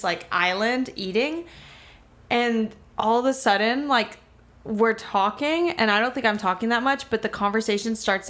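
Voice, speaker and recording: A woman's voice: fairly high pitch, fairly bright tone. Young woman rambling through a story. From Miami, US. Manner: rambling, many "like" fillers, swearing. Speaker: podcast co-host. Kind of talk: casual storytelling.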